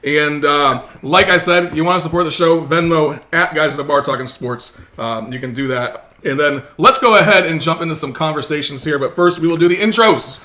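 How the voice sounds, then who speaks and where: A man's voice: on the high side, brisk, few pauses, bright, forceful tone. A man hosting a casual sports podcast in an upbeat, promotional way. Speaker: podcast host.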